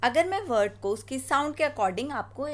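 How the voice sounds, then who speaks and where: A woman with an Indian accent teaching phonics to children, sounding out letters and words slowly. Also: sits high, animated, fairly bright tone.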